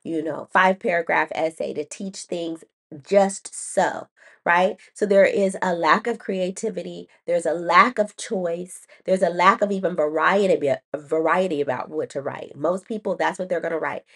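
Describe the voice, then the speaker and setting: A woman's voice: on the low side, moderate pace, creaky, fairly bright tone. A woman educator hosting a podcast, explaining a writing lesson in a chatty way, laughing at herself, with many ums and restarts. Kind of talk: casual teaching talk.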